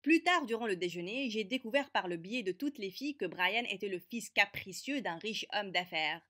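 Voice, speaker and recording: A woman voicing a feisty teenage girl who narrates an animated story with brisk, sarcastic wit. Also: mid-range voice. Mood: sardonic.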